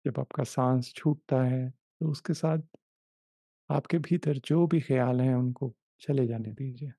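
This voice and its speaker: A meditation guide and life coach leads a guided meditation, giving gentle, unhurried instructions in short repeated phrases separated by long pauses. His mid-range voice has fairly even intonation, with no echo and clean studio sound.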